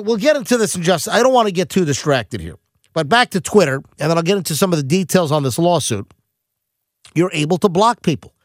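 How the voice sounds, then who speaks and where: A middle-aged man hosting a talk radio show, ranting in a quick, animated monologue full of asides and restarts. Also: high-pitched, no echo, clean studio sound.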